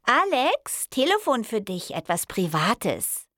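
Chirpy young female intern on the phone, high and sugary, dry close sound, as a woman reader does her. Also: wildly swooping pitch, slow pace, bright, forceful tone, no room sound, full character voice. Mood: sweetly polite. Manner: sweet, bell-like laughing politeness. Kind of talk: audiobook reading.

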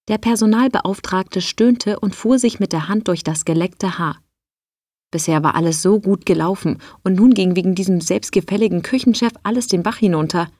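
A woman reading a story aloud in an even, clear storytelling manner, close to the mic. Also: fairly low pitch, no echo. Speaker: audiobook narrator. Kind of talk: scripted story narration.

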